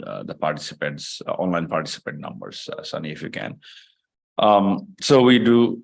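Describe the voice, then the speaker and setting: A man from Nepal chairing a members meeting, speaking off the cuff with many pauses and fillers. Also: low voice, creaky. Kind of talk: unscripted meeting address.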